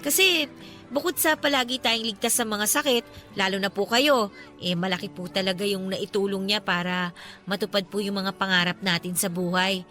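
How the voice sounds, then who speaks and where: In a Filipino radio drama, a woman with a Filipino accent lightly acts a cheerful, devout, teasing daughter of 28. Her mid-range voice is bright and forceful at a moderate pace, playful yet respectful and earnest, with an earnest, upbeat mood. Soft music plays in the background.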